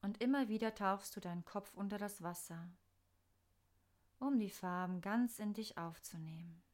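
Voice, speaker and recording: A woman narrating a scripted guided meditation in a soft, soothing, unhurried manner with pauses. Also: mid-range voice.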